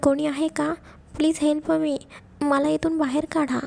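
A woman's voice: high voice, level tone, normal speed, vocal fry, a little mellow. A woman voicing a frightened young woman held captive, tearful and begging to be let go, in an audio story. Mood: pleading. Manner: pleading, begging.

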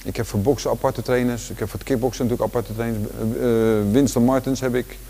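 A man in his forties with a Rotterdam Dutch accent, giving a relaxed walking tour of his large indoor gym, talking casually with lots of fillers and restarts. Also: mid-range voice, fast, vocal fry. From Netherlands. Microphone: handheld camera following him.

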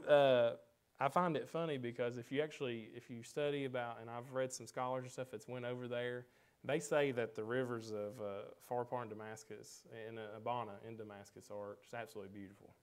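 A man with a drawl preaches a sermon in a church, his voice pitched in an ordinary middle range. He talks in a folksy, conversational way, climbing loud and then dropping low. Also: steady tone, a little fast, clear, resonant tone. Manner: folksy, conversational preaching with rising and falling volume. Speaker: guest preacher. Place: church sanctuary.

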